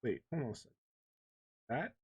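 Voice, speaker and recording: A man streaming a game in a medium-pitched voice. He comments casually, mutters asides to himself and reads game text out loud. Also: very animated, moderate pace, breathy edge.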